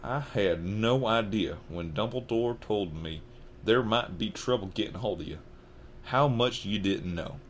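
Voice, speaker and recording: Kindly, anxious storybook giant, played by a man: low, folksy Southern drawl, halting delivery, some background noise. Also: expressive. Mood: anxious, worried. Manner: halting, folksy, dropped consonants.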